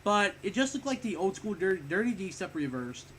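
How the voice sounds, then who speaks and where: A man's voice: high-pitched, sing-song, a little fast, fairly bright tone, slight background noise. A young man giving a rambling, casual spoken wrestling review, a bit sick and short of breath, often correcting himself and swearing offhand.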